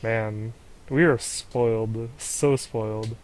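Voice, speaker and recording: A young man co-casting an esports match, relaxed and quick to react. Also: lowish voice. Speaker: esports co-caster. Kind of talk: casual game commentary.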